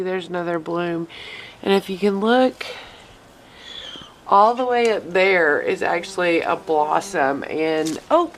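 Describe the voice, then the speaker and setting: A woman with a stuffy, congested nose, chatting excitedly and rambling while touring her backyard garden outdoors. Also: fairly low pitch, slight background noise. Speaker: garden vlogger. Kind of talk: casual garden tour chat.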